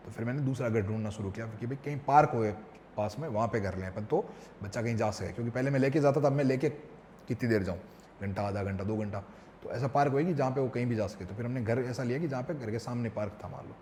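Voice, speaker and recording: Man, podcast guest, animated storyteller, quick, long reverb. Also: mid-range voice, slight background noise. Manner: fast, animated anecdotes acting out a child's and his own lines. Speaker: father talking as podcast guest.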